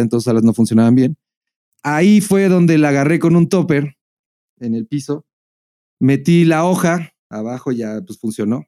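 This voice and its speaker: A man with a Mexican Spanish accent, co-hosting a podcast and telling a story in casual, animated chat, full of swearing and laughter. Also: medium pitch, no room sound, studio quality. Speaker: podcast co-host.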